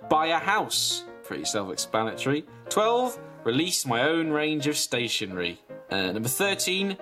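A man, deadpan in a comedic casual chat as podcast co-host. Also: medium pitch. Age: 20s. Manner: deadpan, reading a list with asides.

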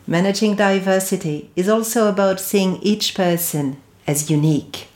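Host: woman, formal and measured, room echo on the voice. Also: medium pitch, a little mellow. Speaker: podcast host. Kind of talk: scripted intro and interview questions.

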